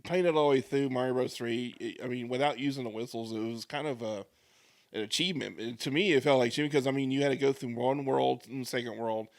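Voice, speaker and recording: A man's voice: medium pitch, fast talker, creaky, dry recording, clean studio sound. A man in his forties, co-hosting a podcast, telling rambling nostalgic stories in casual chat. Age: 40s. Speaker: podcast co-host.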